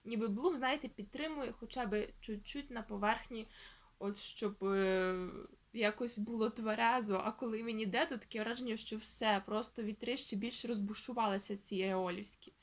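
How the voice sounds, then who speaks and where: A woman talks through her thoughts on a novel in a relaxed vlog. Her voice sits a bit high, and she wanders with fillers and restarts. When she quotes the book, she slows down and spells words out piece by piece. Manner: chatty, thinking aloud with many fillers and restarts; reads quoted passages aloud slowly, spelling words out. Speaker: book vlogger. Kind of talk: casual book vlog talk.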